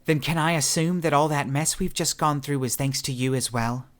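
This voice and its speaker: In audiobook narration, a male narrator portrays a guarded young woman whose speech is dry and firm. He raises his voice to a fairly high pitch that stays close to his everyday speaking voice, keeping a normal pace.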